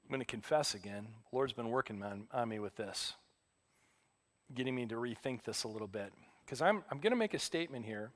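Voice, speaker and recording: A middle-aged man preaching as a pastor, telling stories in a relaxed, self-deprecating way. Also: mid-range voice, a little fast. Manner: conversational, self-deprecating storytelling. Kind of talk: sermon.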